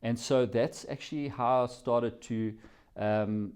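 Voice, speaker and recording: A man's voice: medium pitch, steady tone, slow, a little mellow, smooth. A South African man answering interview questions, telling his story in a reflective, rambling way. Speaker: company CEO, guest.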